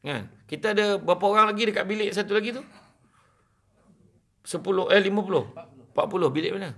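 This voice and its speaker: Malaysian male preacher, comic storyteller; raised pitch, gravelly edge, laughs through his lines. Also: fast. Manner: animated, chatty storyteller who often laughs while talking. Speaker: Islamic preacher. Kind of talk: humorous storytelling talk to a live audience.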